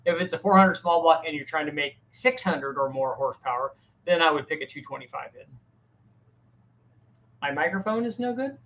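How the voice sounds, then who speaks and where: A man's voice: a little high, lively intonation, normal speed, fairly bright tone, lo-fi sound. A middle-aged man hosting a casual live Q&A, answering viewers' technical questions in a plain-spoken way, often restarting his sentences. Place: home workshop with a fan running.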